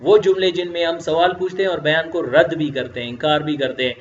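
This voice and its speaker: A man teaching English grammar in a recorded lecture, explaining slowly and answering his own questions. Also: fairly high pitch, steady tone, slight background noise. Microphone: voice-over, face not on screen. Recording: roomy, dull lo-fi lecture audio.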